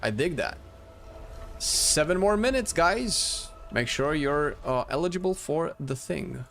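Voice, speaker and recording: He speaks unhurriedly in a slightly high, a bit bright voice with lively intonation and vocal fry. On his live game stream he chats informally with viewers, dropping the odd swear word, while faint game music plays.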